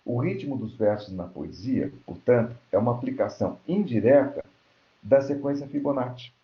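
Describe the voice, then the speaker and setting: A man's voice: mid-range voice, normal speed. A Brazilian man giving an academic lecture, explaining step by step and often checking in with "right?". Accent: Brazilian Portuguese. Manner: explanatory, frequent checking tags like "né?" and "certo?". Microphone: computer mic on an online lecture platform. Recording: roomy, dull lo-fi online call audio.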